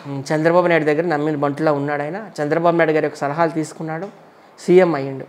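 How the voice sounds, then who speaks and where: A man from Andhra Pradesh, an entertainer, chatting casually in an interview and giving blunt, quick one-line verdicts. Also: fairly high pitch, fairly even intonation.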